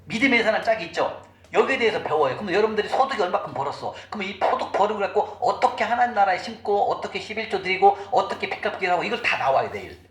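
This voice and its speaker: A man's voice: high voice, sing-song, racing. A middle-aged man giving a church finance lecture. He talks sermon-style and keeps asking the audience questions. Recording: echoey room recording with faint noise.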